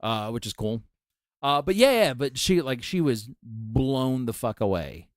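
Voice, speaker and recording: A man's voice: unhurried, no echo, studio quality. A man co-hosting a casual podcast chat, telling stories with lots of energy and acting out what others said. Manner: animated storyteller, acts out quotes in a high excited voice. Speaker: podcast co-host.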